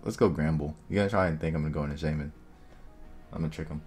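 A young man casually commentating his own online game, thinking aloud and muttering quick asides to himself. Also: rumbling low, darkish tone. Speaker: gaming video creator. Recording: faint music underneath.

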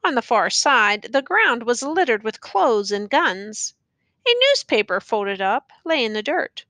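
A woman narrating a classic war novel as an audiobook, reading slowly and deliberately. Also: fairly high pitch, lively intonation, pushed and bright, dry recording.

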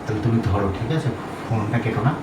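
A young man from Bengal, co-host of a prank channel, talking casually and quickly and protesting defensively during a staged couple prank. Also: on the low side, fairly even intonation. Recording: echoey room, distant mic, background noise.

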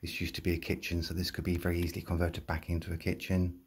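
A man's voice: low voice, completely flat delivery, quick pace. A man with an English accent giving a plain, matter-of-fact walkthrough of a shop building, filmed on a handheld phone as he walks the empty rooms. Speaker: property seller giving a walkthrough. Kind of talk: casual property tour narration. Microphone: handheld phone, walking.

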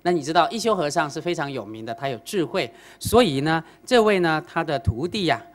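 A woman lecturer giving a Buddhist dharma talk and narrating a story. She speaks in a fairly low voice whose pitch rises and falls very widely, and she keeps asking her listeners rhetorical questions. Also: animated, brisk.

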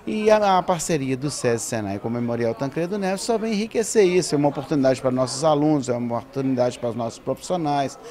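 A man's voice: mid-range voice, animated, fast, few pauses, warm tone. A middle-aged man interviewed indoors on a handheld mic, speaking emphatically. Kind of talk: on-camera interview. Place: indoor event hall. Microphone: handheld reporter mic.

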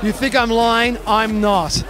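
A man's voice: extremely high pitch, level tone, takes it slowly. A man giving a joking, mock-boastful red carpet interview into a handheld microphone. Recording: music and crowd behind.

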